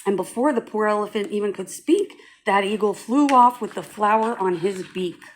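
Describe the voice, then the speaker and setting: A woman reading a rhyming storybook aloud with an expressive, rhythmic delivery. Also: medium pitch, normal speed, a little hiss or hum.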